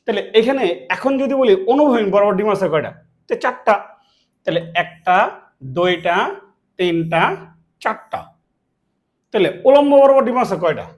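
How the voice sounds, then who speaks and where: A man's voice: sits high, animated, moderate pace, long pauses. A man from Bangladesh, teaching a classroom math lesson, asking questions and answering them himself. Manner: asks and answers his own questions, repeats key words.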